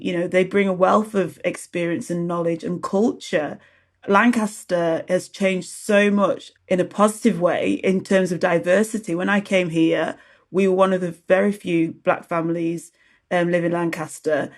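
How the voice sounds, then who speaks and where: A woman born in South Sudan, a teacher and activist, answering an interview earnestly in halting phrases. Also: fairly low pitch. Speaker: guest, teacher and community activist.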